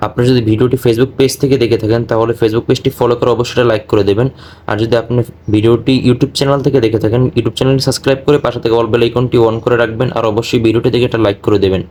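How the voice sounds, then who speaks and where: A man teaching Quran pronunciation, who explains quickly and then recites verses slowly and drawn out. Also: mid-range voice, steady tone, a little mellow, slight background noise.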